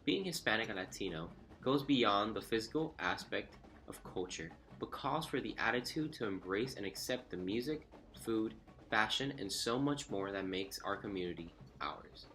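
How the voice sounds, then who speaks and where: A young man from Miami narrates a personal essay in an earnest, reflective read. His voice sits a little low but comes across bright and forceful. Faint music plays beneath him. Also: lively intonation, normal speed, hardly any pauses. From Miami, Florida. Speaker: student storyteller.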